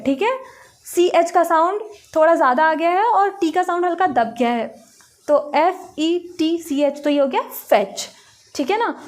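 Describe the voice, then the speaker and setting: A woman with an Indian accent teaching phonics to young children in Hindi-mixed English, sounding out letters one at a time. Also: very high voice.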